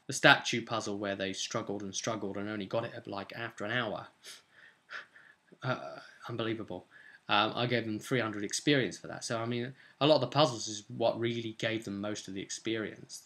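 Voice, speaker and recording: Fairly low in pitch, fairly fast and sharp in tone, this twenty-something British man talks casually to camera. He's a game master recapping sessions for his vlog from a small home room, rambling conversationally and using tag questions.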